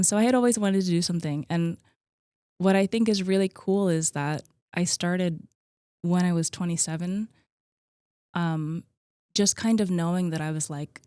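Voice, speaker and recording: A gym co-owner in her mid-thirties, guesting on a podcast, talks about herself in a friendly, easygoing way, with "like" and "um" throughout. Her clear, resonant voice sits a little low for a woman. The audio is dry and close with no room echo.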